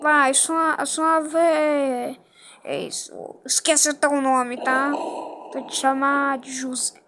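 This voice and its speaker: A high-voiced female speaker acting out a playful improvised story, doing several characters in turn. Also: slow, sharp tone, slight background noise.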